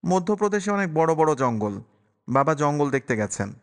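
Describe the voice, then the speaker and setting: A man's voice: fairly high pitch, very animated, moderate pace, smooth. A man voicing a timid little boy who gives short, shy answers. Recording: long reverberant echo.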